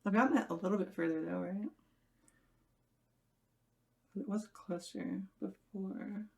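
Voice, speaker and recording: A woman's voice: mid-range voice, fairly even intonation, a little slow, creaky, dark tone, breathy edge. A young woman live-streaming from home, rambling chattily to her viewers while she fiddles with something. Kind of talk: casual live-stream chat.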